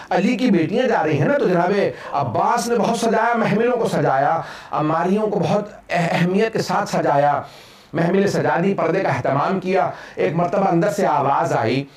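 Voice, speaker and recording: A male preacher giving a mourning sermon with a fervent, dramatic storytelling delivery. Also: a little high. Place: mourning gathering hall. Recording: echoey hall, voice from far off.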